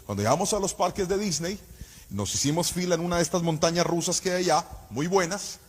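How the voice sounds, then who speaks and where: A man's voice: sits high, quick pace, slightly rough. A man preaching a passionate sermon in a sing-song cadence, telling a story and speaking straight to his listeners. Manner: addresses listeners directly, calls for responses. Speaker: pastor.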